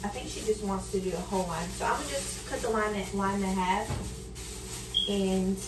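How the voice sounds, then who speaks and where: With a mid-range voice at normal speed, this cooking vlogger in her early twenties keeps up a casual, candid, slangy chat with viewers as she cooks. The home kitchen recording, made on a camera sitting a few feet away on the counter, sounds roomy and distant with noise in the background.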